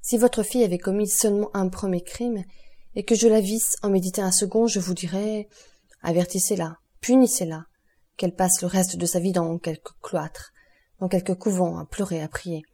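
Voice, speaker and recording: Relentless male doctor voiced by a woman, measured, accusing, mellow, husky. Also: mid-range voice, steady tone, natural voice. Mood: stern.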